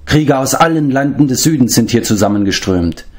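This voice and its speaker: A man reading an audiobook, voicing a noble adult male prince and war leader who speaks in a measured, commanding way. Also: mid-range voice, expressive, pitched above the performer's own voice, natural voice.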